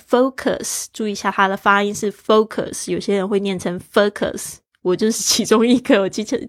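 A woman teaching English phrases from a book in a casual, chatty way, reading English lines slowly. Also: mid-range voice, dry recording, clean studio sound. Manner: chatty, explains English words slowly, then reads lines aloud in a slower voice. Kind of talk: casual bilingual book lesson.

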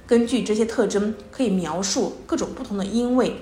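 A woman's voice: medium pitch, a little fast. A woman giving a recorded psychology lecture, explaining step by step with small fillers between points. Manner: steady explanatory delivery with verbal fillers. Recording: echoey room with faint music.

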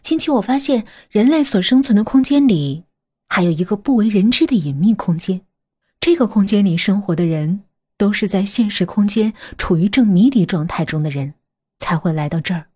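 Woman playing a husky scheming sister scientist. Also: mid-range voice, animated, normal speed, a little mellow. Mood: eerie calm.

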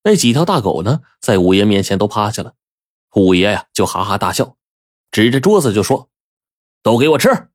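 Husky male storyteller, very animated delivery, dry close-mic sound. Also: on the low side, brisk, no echo. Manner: animated, dramatic telling. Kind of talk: oral storytelling.

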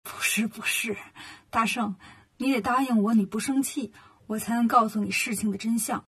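A woman voicing a gentle old male earth god in a storybook, who speaks slowly and coaxingly. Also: steady tone, slightly rough. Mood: confiding. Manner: slow, coaxing, lowered voice.

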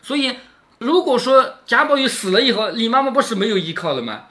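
At home, a father reads a classic novel to his daughter, often pausing to explain it in plain, chatty terms and repeatedly asking "right?" with a dropping tag. His bright, forward voice has big pitch swings and drops low for quick check-in questions.

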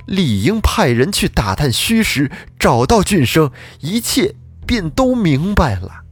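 A man's voice: on the high side, big pitch swings, measured pace, husky, no echo, faint music behind, voice pushed up, exaggerated voice. A man voicing a young adopted son who earnestly argues his innocence before a magistrate. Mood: protesting. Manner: earnest, insistent arguing. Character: young male adopted son, accused, protesting.

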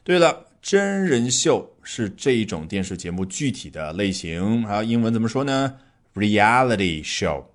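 A man's voice: lowish voice, very animated, measured pace. A man hosting an English lesson podcast, explaining vocabulary in a chatty way with frequent fillers and rhetorical questions. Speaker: English teacher and podcast host.

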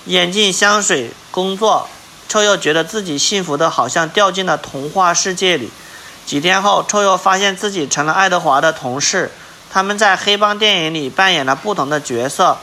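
A man reads a children's picture book aloud in a slightly high, bright, forceful voice. He breaks off now and then to put simple questions to his young listener. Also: a little hiss or hum. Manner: stops to ask the listener questions. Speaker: storyteller reading to a child.

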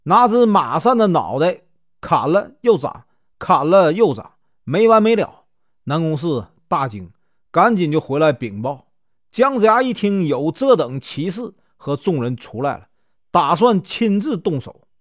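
Dude spinning an old legend, talky and animated, pitch a bit high, dry close sound. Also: male voice, unhurried, dry recording. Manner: chatty, lots of filler particles. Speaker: storyteller. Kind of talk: casual folk storytelling of a classic legend.

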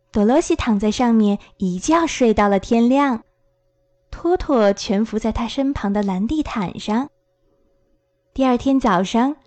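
A woman reading a children's story aloud as a storyteller, in a gentle, clear telling. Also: on the high side, dry recording.

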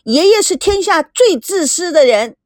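Headstrong teen girl, voiced by a woman storyteller, high and bouncy, insistent and pouting. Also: big pitch swings, normal speed, no room sound, studio quality. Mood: wilful, pleading. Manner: insistent, pouting, sharp outbursts. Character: teenage girl, headstrong, willful, theatrical.

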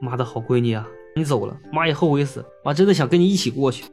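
Old mother, remorseful, coaxing and pleading, a man putting her on somewhat higher than his own voice. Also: lively intonation, quick pace, a little mellow, faint music behind, natural voice.

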